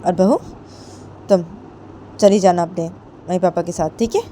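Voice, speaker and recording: A woman voicing a calm father-in-law who quietly advises his daughter-in-law. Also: on the low side, normal speed, slight background noise, close to an everyday voice.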